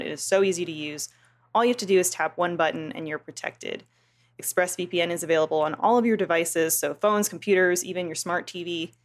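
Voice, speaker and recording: A woman reading a sponsor message in a steady, even way. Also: fairly low pitch. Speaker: ad reader. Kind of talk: scripted ad read.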